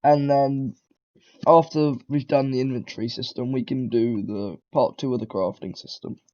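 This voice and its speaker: Here a tutorial maker with a cold chats his way through beginner coding lessons, drifting, self-correcting, saying um a lot, and clearing his throat. His medium-pitched voice is steady and a little mellow at a normal pace. The recording is muffled.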